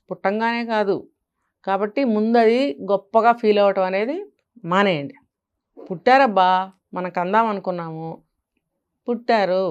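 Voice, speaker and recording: A woman's voice: mid-range voice, clear, resonant tone, muffled recording. A woman with a Telugu accent, a guest speaker giving emphatic parenting advice in an interview, often asking rhetorical questions.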